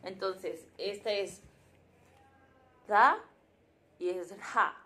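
A young woman, sounding out syllables slowly and musing aloud during a casual live study session. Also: medium pitch, sharp tone. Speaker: language learner streaming her study session.

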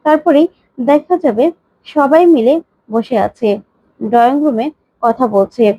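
A woman retelling the episodes of a TV serial in brisk, plain narration. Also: sits high, no echo, muffled recording. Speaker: storyteller recapping a TV serial. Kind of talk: story recap narration.

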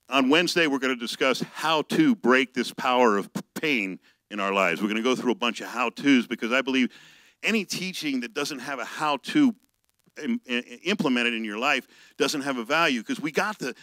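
A male pastor giving a conversational sermon, reading scripture slowly and telling personal stories. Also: mid-range voice, pushed and bright, no echo, poor audio.

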